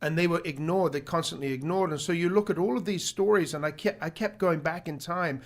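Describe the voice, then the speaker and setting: A man's voice: on the high side, fairly quick. A man talking as a guest in a radio studio interview, earnest, correcting himself and repeating points for emphasis. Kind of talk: live radio interview talk.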